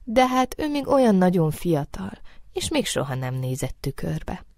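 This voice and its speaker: A woman narrating a children's storybook in a gentle, expressive way, letting phrase ends drop soft. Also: on the low side, no room sound, clean studio sound. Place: recording studio.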